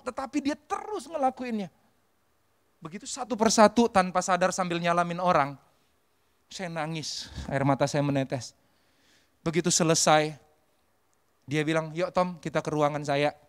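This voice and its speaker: High-voiced preacher swinging hushed to loud. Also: male voice, smooth. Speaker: pastor. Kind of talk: sermon.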